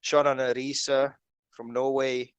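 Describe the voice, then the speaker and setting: A man's voice: mid-range voice, level tone, takes it slowly, dull audio. A man hosting a casual video call, reading through lists with lots of "uh" and "um" fillers. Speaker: host.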